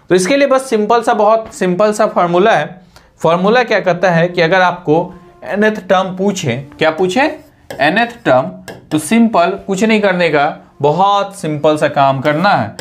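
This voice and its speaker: A man giving an exam-prep math lesson, explaining step by step and mixing English terms into his talk. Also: sits high. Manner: explains step by step, asks and answers his own questions. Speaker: teacher.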